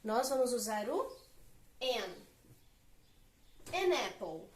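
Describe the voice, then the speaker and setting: High-voiced teacher in an echoey room. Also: female voice, big pitch swings, slow. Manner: clear, patient explaining with rhetorical questions to students. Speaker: English teacher. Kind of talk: whiteboard grammar lesson. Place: room with a whiteboard.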